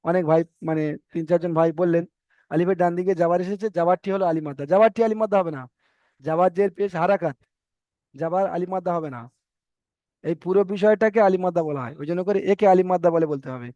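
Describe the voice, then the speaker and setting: A man's voice: sits high, fast talker, dark tone, no echo. A man teaching Quran reading in an online class, patiently repeating rules and correcting his students. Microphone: video call. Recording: dull dry online call audio.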